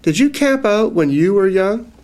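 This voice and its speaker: Guy voicing a timid little boy, high and wide-eyed, storybook reading. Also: lively intonation, moderate pace, a little mellow. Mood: nervous. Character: young boy, nervous and curious.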